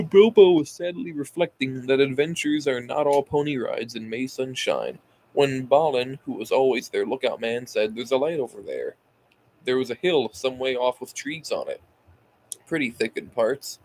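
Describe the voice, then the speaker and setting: A man's voice: mid-range voice, a little hiss or hum, poor audio. A tired man casually reading a novel aloud as an amateur audiobook, sighing between phrases and stumbling over words before correcting himself.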